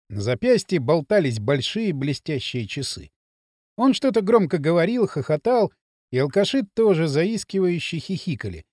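A man narrating an audiobook with an expressive storytelling delivery. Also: on the high side, dry recording, clean studio sound.

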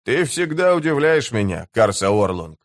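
A man doing a big, gruff warrior companion. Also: medium pitch, sing-song, moderate pace, no room sound, clean studio sound. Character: big, blunt, steady male warrior companion.

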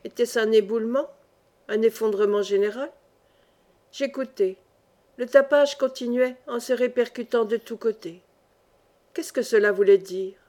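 A woman narrating a classic novel as an audiobook, with an expressive, dramatic reading. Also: on the high side, a little slow, long pauses.

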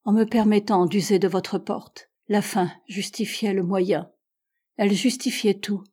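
A woman's voice: mid-range voice, fairly even intonation, unhurried, mellow, slightly rough. A woman voicing an exhausted, contrite elderly male professor in a French audiobook reading, in a weary, pleading manner.

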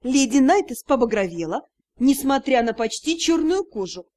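A woman with a high, light voice reads a fantasy novel aloud. She narrates in a lively, engaged way and slips into character voices for the dialogue. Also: normal speed, dry recording. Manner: lively, voicing each character in turn. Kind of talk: scripted audiobook narration.

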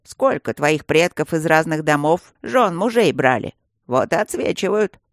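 A reader voicing a sly, gruff stone guardian who growls and coaxes by turns. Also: mid-range voice, big pitch swings, unhurried, no echo, studio quality. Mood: evasive. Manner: growling, fussy, coaxing.

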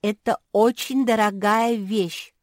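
A woman voicing a spoiled, snobbish little Labrador puppy girl in a storybook, with a shrill, haughty manner. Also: fairly even intonation, slow, dry recording, clean studio sound, lightly acted. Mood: pleading.

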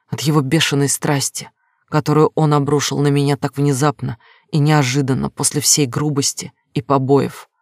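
Gravelly-voiced male audiobook narrator. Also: medium pitch, dry recording, studio quality. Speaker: audiobook reader.

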